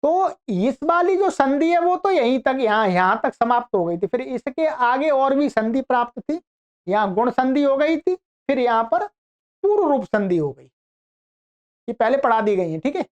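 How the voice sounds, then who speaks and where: A woman teaching Sanskrit grammar online, explaining patiently step by step and drawing out example words slowly. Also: high voice, big pitch swings, darkish tone. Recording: dull lo-fi recording.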